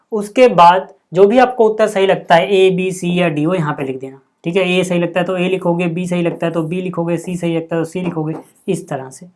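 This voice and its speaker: A man's voice: high-pitched, a little mellow. A man teaching a maths lesson in a casual classroom way, explaining step by step and often checking in with the students. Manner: chatty, repeats "ठीक है", calls viewers "भाई" and "यार".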